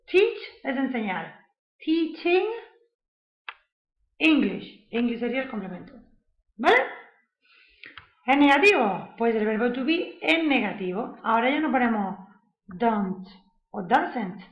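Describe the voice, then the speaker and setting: Slow, patient woman teaching grammar. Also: on the high side, expressive. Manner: slow, patient explaining, often checks with "¿vale?". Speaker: English teacher. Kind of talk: grammar lesson. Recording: echoey room, slightly dull sound.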